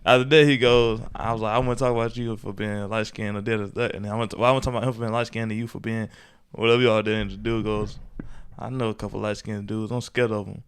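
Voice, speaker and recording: A man's voice: fairly low pitch, flat delivery, very fast, smooth. A man co-hosting a podcast, telling rambling stories in casual, slangy chat. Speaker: podcast co-host.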